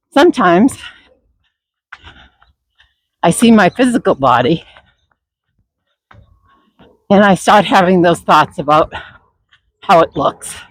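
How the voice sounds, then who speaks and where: A runner records a reflective, motivational vlog while out running. The voice is mid-pitched and slow, coming in short, halting phrases with pauses. The sound is dry, with no echo. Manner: reflective, halting, unscripted delivery. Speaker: runner vlogging.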